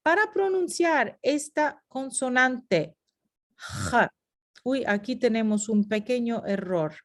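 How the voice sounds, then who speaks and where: A woman lectures over her slides at an unhurried pace, her voice sitting a little high. She explains each point step by step and drops into brief English asides for her students. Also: expressive. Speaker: Spanish teacher.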